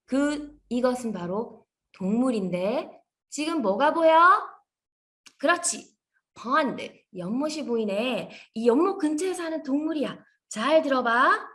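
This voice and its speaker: A woman teaching an English phonics lesson to young children in an animated, sing-song, encouraging way. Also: high-pitched, measured pace.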